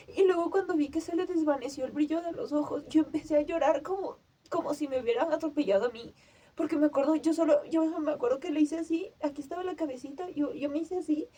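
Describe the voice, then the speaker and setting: A young woman tells a story on a casual podcast. Her voice sits high but sounds soft and mellow. She acts out her own cries and shouts as she goes. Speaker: podcast host.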